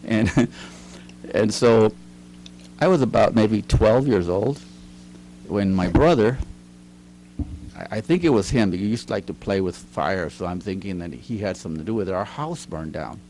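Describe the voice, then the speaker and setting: Chatty man with a low voice, storytelling. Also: lively intonation, unhurried, a little mellow, a little hiss or hum. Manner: chatty, laughs often, acts out quoted lines. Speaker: interview guest, teacher and writer. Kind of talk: casual storytelling interview. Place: recording studio.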